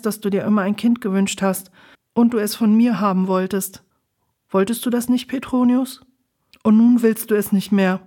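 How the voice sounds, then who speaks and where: A hurt, volatile woman presses her lover with question after insistent question, as a woman reader voices her. Her voice sits at a middle pitch, and the part is read close to the reader's own voice. It is a storybook reading. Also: dark tone, lightly acted.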